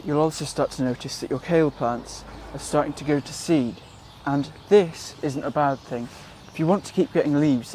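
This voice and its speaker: A young man from Wales giving a relaxed, chatty gardening how-to outdoors, with frequent ums and self-corrections. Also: on the high side, a little hiss or hum. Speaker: gardening vlogger. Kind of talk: casual how-to vlog.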